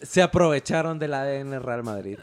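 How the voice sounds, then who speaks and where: A man, complaining loudly and joking, mixing in English slang as a podcast co-host. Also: mid-range voice, lively intonation, normal speed, a little hiss or hum. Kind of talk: casual banter among friends.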